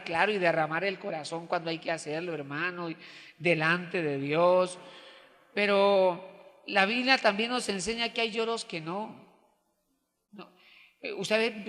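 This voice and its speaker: A man preaching a sermon as pastor, animated and speaking directly to his congregation. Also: sits high, unhurried. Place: church hall. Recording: long hall reverb.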